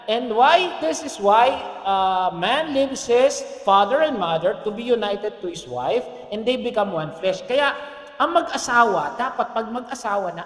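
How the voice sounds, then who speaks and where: Filipino man, pastor, sermon, very high voice, lively pitch, playful asides, echoey church hall with long reverb. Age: middle-aged. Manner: joking, animated preaching with asides to the congregation.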